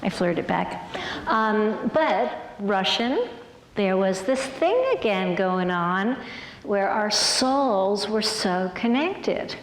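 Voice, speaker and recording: A woman's voice: mid-range voice, takes it slowly, a little hiss or hum. An older woman, a former ballerina, telling stories on stage in a big hall, acting out quotes and dropping to whispers. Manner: lively, acts out quotes, drops to whispers. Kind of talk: stage storytelling show. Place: large arts hall, live audience. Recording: echoey hall with long reverb and faint music.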